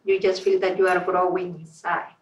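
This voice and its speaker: A middle-aged Peruvian woman with a Spanish accent gives an earnest, informal speech to her club in a meeting room, searching for words as she goes. Her fairly low voice keeps a level tone at normal speed, and the recording is muffled and roomy from a distant mic.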